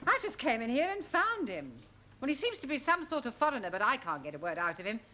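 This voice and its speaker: A woman's voice: sits high, sing-song, quick pace, pushed and bright, heavily acted. A woman playing a bossy, disdainful figure of authority in a sitcom, with an English accent and an imperious manner. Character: haughty, bossy Englishwoman in charge. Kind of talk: sitcom acting. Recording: noisy 1970s television studio soundtrack.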